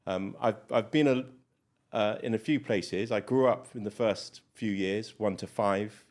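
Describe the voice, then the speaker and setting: A man's voice: fairly low pitch, a little slow, darkish tone. A middle-aged man with a British accent, a guest doctor chatting casually in an interview, rambling with many fillers. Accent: British English. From Malawi.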